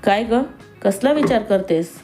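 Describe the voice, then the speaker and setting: A woman's voice: medium pitch, lively intonation, a little slow, warm tone, natural voice. A woman voicing a friendly young female coworker who asks caring, curious questions, with faint music behind. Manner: caring, inquisitive.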